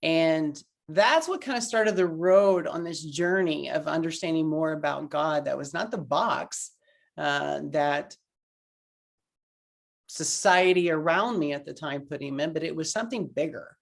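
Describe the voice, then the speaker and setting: A man from Oklahoma with a clear Oklahoman accent tells his own story over a video call. His voice carries a gravelly crackle, and he speaks in an earnest, reflective way, pausing often on fillers as he thinks. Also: a little high. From Oklahoma, USA. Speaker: guest. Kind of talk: personal testimony in a video-call interview.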